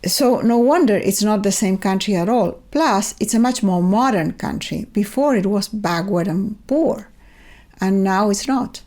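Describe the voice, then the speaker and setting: An older Chilean woman, a native Spanish speaker with a Chilean accent, is a guest on a remote video call interview. Her mid-range voice is expressive and a little mellow, and she tells her stories in a thoughtful, measured way, often restarting her sentences as the reflective conversation unfolds.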